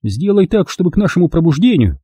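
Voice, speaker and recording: A man's voice: sits high, sing-song, fast talker, dark tone, slightly rough, no room sound, clean studio sound, voice pushed up, heavily acted. A man reading an audiobook, voicing a harsh, scornful middle-aged woman who scolds coarsely.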